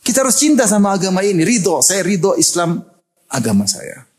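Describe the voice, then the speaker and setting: A middle-aged man from Indonesia preaching a sermon, animated and joking and often laughing. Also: high-pitched, brisk, slightly rough.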